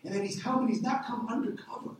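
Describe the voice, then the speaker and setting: A middle-aged man preaching a sermon as a pastor, animated, asking rhetorical questions and acting out little voices. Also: extremely high pitch, fast talker, a little hiss or hum. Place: church hall. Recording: echoey hall, distant mic.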